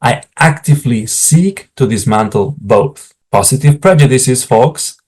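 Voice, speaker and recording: This academic career advisor, a middle-aged native Spanish speaker from Spain with a Spanish accent, frankly explains academic job materials to camera and often turns to viewers with asides. His medium-pitched voice is a little slow and mellow, with lively intonation and a breathy edge.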